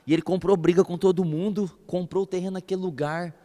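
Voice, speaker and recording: Animated preacher in a reverberant hall. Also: male voice, sits high, quick pace. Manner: animated storytelling, acts out voices and laughs. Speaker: pastor. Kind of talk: sermon.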